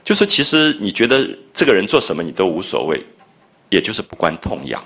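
A man with a very low, deep voice delivers a literature lecture. He talks conversationally, retelling scenes and paraphrasing what the characters say, pushing his voice up for emphasis. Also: sing-song, a little fast, a bit bright. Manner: conversational, paraphrasing and acting out quotes with rising emphasis. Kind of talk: explanatory lecture with retold scenes.

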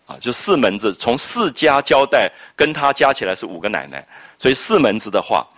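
Animated lecturing man. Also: medium pitch, brisk, no echo. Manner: animated, explains then reads out quoted dialogue. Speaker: literature lecturer. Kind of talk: classroom lecture on a classic novel.

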